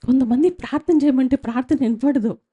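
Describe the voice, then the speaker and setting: A woman's voice: sits high, quick pace, breathy edge, dull audio. A woman preaching a sermon in a church service through a microphone, speaking emphatically, repeating phrases and suddenly rising in volume. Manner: emphatic, repetitive preaching with sudden loud rises.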